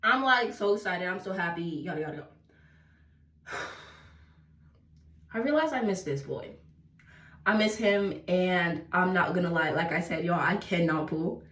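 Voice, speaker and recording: A woman's voice: on the low side, normal speed, pauses often, fairly bright tone, distant mic, a little hiss or hum. A young woman telling a dramatic, slangy storytime while getting ready at home. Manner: chatty, dramatic, slangy, breaks into sing-song bits. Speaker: vlogger. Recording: roomy echo, voice a bit off-mic.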